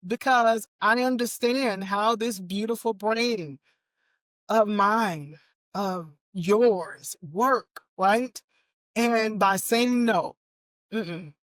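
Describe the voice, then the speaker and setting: A woman's voice: on the high side, a bit bright, no room sound. A woman in her fifties hosting a talk show, speaking with earnest emphasis and often checking in with "right?" and "okay?". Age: 50s. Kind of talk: casual chat.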